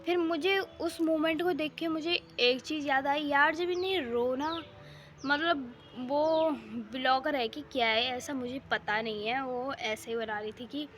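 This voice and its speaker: Faint music sits behind this young woman's high, unhurried, slightly bright voice as she vlogs from her home rooftop. Phone in hand and throat a little sore, she meanders through her day in a chatty, filler-heavy way.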